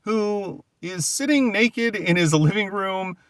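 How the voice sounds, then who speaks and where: A man's voice: high-pitched, slow pace, a bit bright, dry recording, clean studio sound. A man hosting a podcast, casually retelling a comic book's story and loosely paraphrasing what the characters say. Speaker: podcast host. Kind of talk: casual comic book recap.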